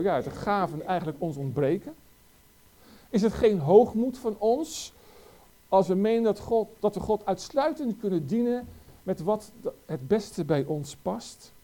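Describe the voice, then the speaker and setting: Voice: mid-range voice, warm tone. A preacher giving a sermon, asking the congregation rhetorical questions with emphasis.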